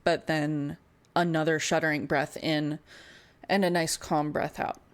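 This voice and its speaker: A woman running a tabletop fantasy game, narrating descriptively with pauses as game master. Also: low-pitched, level tone, clean tone.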